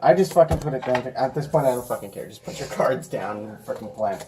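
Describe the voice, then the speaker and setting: A man with a medium-pitched voice rambles along in slangy, casual chat and laughs readily. The recording has clear noise and clicks behind him. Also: lively intonation, quick pace, darkish tone. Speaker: card game player.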